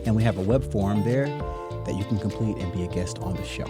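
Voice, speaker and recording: A man's voice: lowish voice, fast, music in the background. A man hosting an entertainment podcast, chatting in a playful, upbeat way with his co-host and guest. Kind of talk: casual podcast chat.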